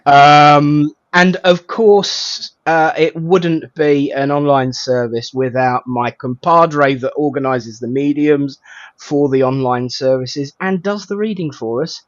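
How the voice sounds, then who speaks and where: A man's voice: mid-range voice, measured pace, dry recording. Chatty Estuary English man, dry muffled sound. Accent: southern English Estuary. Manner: chatty, colloquial, jokey. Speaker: host of an online spiritual service. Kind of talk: informal welcoming of guests and viewers.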